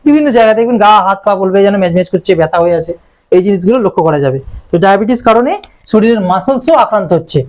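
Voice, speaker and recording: A man with a Bengali accent gives a medical lecture. His voice sits high for a man. He explains terms step by step, often posing a question and then answering it. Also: a little mellow. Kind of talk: classroom lecture.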